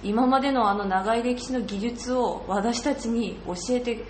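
Fukushima-accented woman gushing, slightly high voice, echoey room. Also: measured pace, a little hiss or hum. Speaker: podcast guest. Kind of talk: casual chat.

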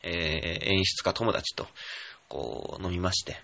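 A man's voice: deep voice, measured pace, vocal fry, sharp tone. A man hosting a casual solo radio talk, rambling and self-mocking, with many fillers. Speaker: radio show host and theater director.

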